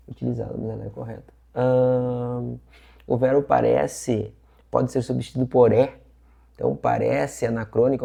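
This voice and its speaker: A man walks students through exam questions in a chatty, repetitive teaching style. His voice is heavily gravelly and very dark, with a husky edge. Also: medium pitch. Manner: chatty, repeats points with frequent "tá?" and "ó". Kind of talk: casual online lesson.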